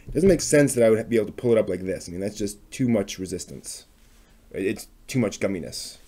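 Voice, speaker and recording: A male craft vlogger walks through a hands-on demonstration in a casual way, muttering to himself tentatively as he goes. He has a warm, lowish voice and speaks briskly and expressively. Background noise and clicking can be heard, though the recording is clear.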